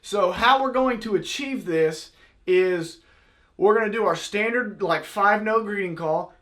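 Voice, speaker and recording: A man's voice: sits high, a little slow, fairly bright tone. A man giving a casual, folksy how-to lesson as a duck call instructor, explaining technique in plain words. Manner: folksy, plain-spoken, demonstrates with spoken sound syllables.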